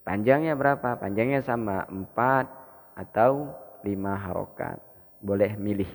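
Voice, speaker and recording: A man with an Indonesian accent teaching Quran reading, explaining rules slowly and chanting verses in a drawn-out melodic way for students to repeat. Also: on the low side, creaky. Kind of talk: Quran recitation lesson. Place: mosque hall. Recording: long reverb of a mosque hall.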